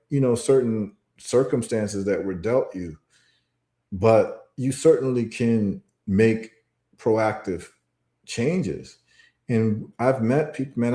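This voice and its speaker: A man's voice: fairly low pitch, warm tone, reverberant. A man from Ghana talking in a casual show monologue, emphatic and repetitive as he tells stories. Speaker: podcast guest.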